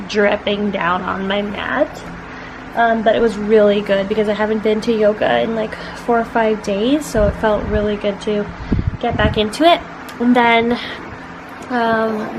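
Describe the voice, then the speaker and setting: A young Canadian woman vlogging in a casual, rambling way with lots of fillers. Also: on the high side. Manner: chatty, rambling with many fillers. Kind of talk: casual vlog chat. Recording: noisy background.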